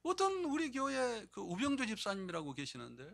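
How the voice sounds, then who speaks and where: Lively high-voiced male pastor preaching. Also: fairly quick, vocal fry. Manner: animated, swings between loud emphasis and hushed low delivery; acts out quoted speech in changed voices. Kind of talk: sermon. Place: church sanctuary.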